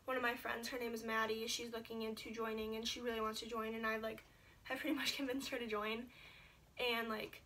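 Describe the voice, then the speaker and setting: A woman's voice: on the high side, level tone, brisk, bright, forceful tone, slight background noise. A young woman from Ohio, sitting at home and casually telling a long personal story to a camera set a little way off, filling her talk with "like" and "um". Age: young adult. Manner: chatty, lots of "like" and filler. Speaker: vlogger. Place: indoors at home, seated. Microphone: camera set a little far away.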